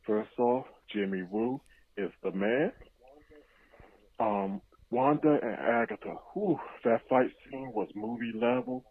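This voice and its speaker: Slow and animated, this man's husky voice carries vocal fry in a mid-range pitch with no room sound. He's casually leaving a podcast voicemail full of excited reactions to a show, heard as a tinny, dry phone-line playback.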